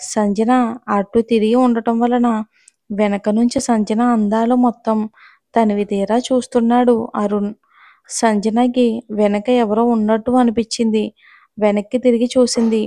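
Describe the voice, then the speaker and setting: A woman storyteller reads a romance novel in a steady, even narration. Her voice sits a little high. The recording is close and dry, with no room sound. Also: unhurried, no room sound.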